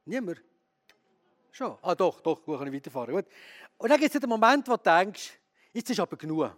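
A man preaches with a high voice for a man. He talks in a lively, candid way and keeps turning to his listeners with questions. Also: brisk. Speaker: pastor. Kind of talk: sermon.

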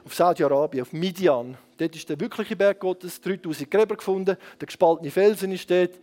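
A middle-aged man with a Swiss German accent preaching a lively sermon full of stories, swinging from muttered asides to shouting. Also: high voice, fairly quick.

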